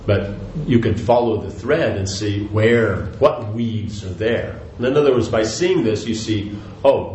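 An older spiritual teacher's devotional talk meanders, with many asides, restarts and a steady stream of "you know." His low voice has a darkish tone, the highs are cut off, and the room is echoey with faint noise.

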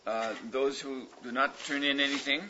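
A man running a class, announcing the schedule in a measured way with frequent pauses. His voice sits at a middle pitch. The recording is muffled and carries a steady background noise. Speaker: class leader.

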